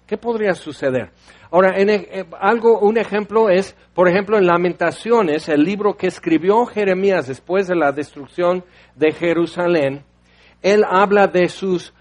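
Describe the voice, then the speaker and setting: A man's voice: high-pitched, normal speed. A man preaching a sermon, reading Bible verses and explaining them with conversational, playful asides.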